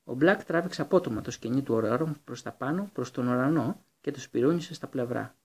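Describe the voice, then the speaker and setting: A man narrating an audiobook in a steady, even storytelling manner. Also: medium pitch, vocal fry, slightly rough. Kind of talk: scripted narration.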